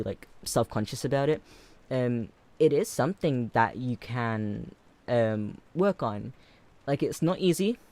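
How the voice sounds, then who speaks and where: Young guy hosting a stream; rambling, filler-heavy chat, mid-pitched. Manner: rambling, filler-heavy, frequent laughs, gets louder and faster. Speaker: livestream host. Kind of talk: casual livestream chat.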